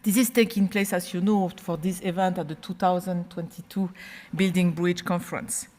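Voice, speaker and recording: A woman giving a formal podium speech as a panel moderator, with a somewhat halting, hesitant delivery. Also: on the low side, steady tone, darkish tone. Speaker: panel moderator and regional coordinator. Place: large conference hall. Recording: echoey hall with long reverb.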